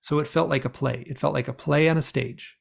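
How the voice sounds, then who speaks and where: A middle-aged man, the guest of an interview, telling a story in a rambling, animated way with lots of fillers. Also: a little high, a little fast, gravelly, breathy edge.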